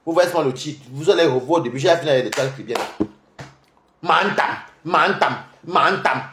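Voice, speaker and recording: A man's voice: medium pitch, noisy background. A young man ranting on a livestream in a taunting, mocking way. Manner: taunting, mocking, rapid-fire. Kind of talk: heated livestream rant. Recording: echoey room.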